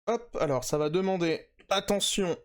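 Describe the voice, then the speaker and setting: A man's voice: high-pitched, normal speed. A man hosting a casual manga podcast, chatting with lots of hesitations and fillers. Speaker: podcast host.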